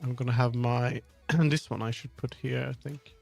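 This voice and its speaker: Medium in pitch with fairly even intonation and some vocal fry, this man talks at a normal speed. He's a game developer livestreaming as he works, chatting casually, rambling, thinking aloud and often trailing off, with background music playing.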